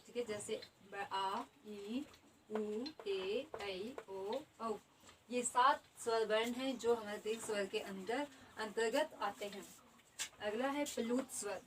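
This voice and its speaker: A woman's voice: a little high, recorded from a distance, slight background noise, poor audio. A woman teaching an exam-prep grammar lesson, explaining each term twice and repeating definitions.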